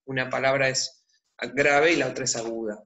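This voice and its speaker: A man gives a literature lesson in a calm, explanatory way. His voice sits at an ordinary middle pitch. He pauses to think aloud before moving to the next point. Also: dull audio. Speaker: literature teacher. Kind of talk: explanatory online lecture.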